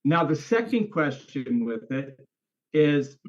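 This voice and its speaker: A man's voice: a little high, sing-song, takes it slowly. An enthusiastic man on an online group call asking questions, his voice coming through a bad, breaking-up internet connection. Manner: enthusiastic, emphatic, repeats for stress. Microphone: computer or phone on a video call. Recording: dull lo-fi internet call audio.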